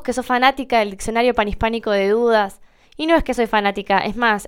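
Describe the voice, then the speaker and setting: Rioplatense woman host, young adult, chatty explainer, very smooth and clear voice, slightly high. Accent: Rioplatense Spanish. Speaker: podcast host. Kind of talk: casual explanatory monologue.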